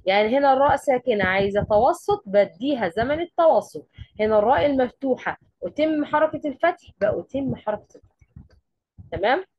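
A woman's voice: high-pitched, lively intonation, fast talker, husky, no room sound, highs cut off. A woman with an Egyptian accent teaching a tajweed lesson. She explains step by step and often asks questions and then answers them herself. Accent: Egyptian Arabic. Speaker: Quran recitation teacher.

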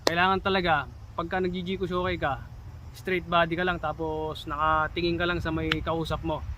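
A man's voice: a little high, flat delivery, moderate pace, noisy background. A man in his thirties from the Philippines giving casual advice in a vlog, chatty, with emphatic warnings and a habit of calling his viewers "tol". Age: 30s. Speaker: vlogger giving job interview tips.

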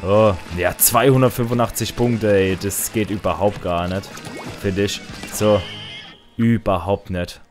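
Guy playing a shooter and chatting away, lowish voice, yelps up high when stuff happens, faint game music under it. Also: unhurried. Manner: excitable, swings to loud high outbursts. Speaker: gaming let's player. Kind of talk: casual gameplay commentary.

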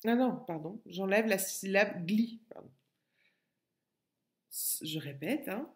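A woman teaching young children in a recorded lesson, drawing out syllables slowly and clearly. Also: mid-range voice, lively intonation, roomy sound. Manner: slow, drawn-out syllables for children. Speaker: kindergarten teacher.

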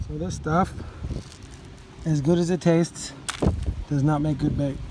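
With slight background noise, a fairly high-pitched man in his forties, a father, casually narrates a fishing vlog. He holds a phone camera at arm's length, first in a parked car, then out on a river dock, and his relaxed talk rambles with many ums.

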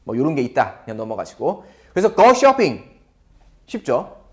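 A man's voice: mid-range voice, wildly swooping pitch, moderate pace, a little mellow. A man teaching an English lesson to viewers in a playful way, asking them questions.

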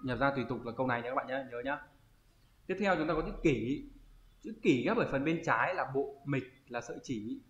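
A man teaching an online kanji lesson, often pausing and thinking aloud as he searches for the word. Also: mid-range voice, expressive. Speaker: Japanese teacher. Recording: roomy, slightly dull audio.

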